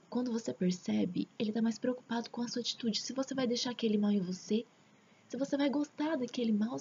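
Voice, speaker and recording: A woman with a Brazilian accent gives a casual, earnest religious testimony at home, often dropping into a hushed near-whisper. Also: fairly high pitch. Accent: Brazilian Portuguese. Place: at home, father talking in the background. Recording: dull lo-fi home recording with faint background noise.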